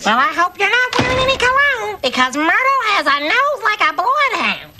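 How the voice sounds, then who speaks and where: A woman's voice: extremely high pitch, big pitch swings, moderate pace. An actress playing an eccentric, gleeful sitcom woman who savors her words in a sing-song way. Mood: teasing. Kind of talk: broad sitcom acting. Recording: loud noise behind the voice.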